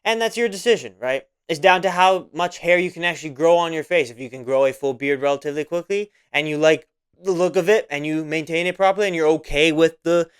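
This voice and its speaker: Rambling young man with a smooth voice. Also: fairly high pitch, fast. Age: 20s. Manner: rambling, repeats himself, many fillers. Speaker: podcast host. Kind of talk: casual solo monologue.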